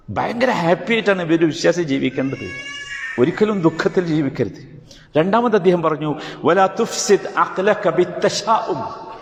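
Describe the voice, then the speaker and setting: A male preacher giving a sermon, asking rhetorical questions and swinging between emphatic highs and quiet lows. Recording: hall reverb with faint ambient noise.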